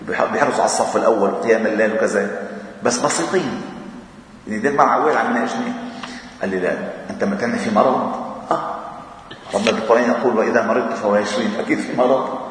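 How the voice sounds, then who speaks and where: A man's voice: on the low side, very fast, slight background noise. Man, Levantine Arabic accent, informal preacher, rhetorical questions, distant mic, reverberant hall. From Lebanon. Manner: conversational, chuckling, with rhetorical questions. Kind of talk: informal mosque talk. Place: large mosque hall. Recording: echoey hall, mic far off.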